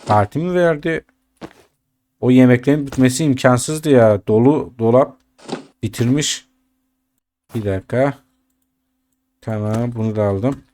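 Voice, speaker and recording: A man's voice: medium pitch, measured pace, long pauses, mellow. A man talking through a video game for his channel in a loose, chatty way. He speaks straight to his viewers and keeps muttering complaints and curses at what happens on screen. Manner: chatty, addresses viewers, grumbles and swears at the game. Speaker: gaming YouTuber. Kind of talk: casual gameplay commentary.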